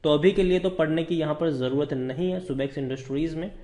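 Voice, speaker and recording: Male stock video host, fairly high pitch, warm mellow tone, chatty and emphatic. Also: a little fast. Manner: conversational, repeats words for emphasis, calls viewers brother. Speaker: stock market commentator. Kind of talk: casual stock analysis over screen charts.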